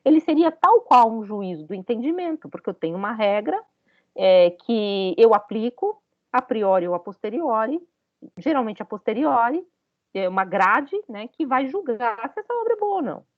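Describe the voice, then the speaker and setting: A woman's voice: fairly high pitch, very animated, moderate pace, dry recording, dull audio. A woman giving a university lecture, talking it through with many hesitant fillers and questions to her students.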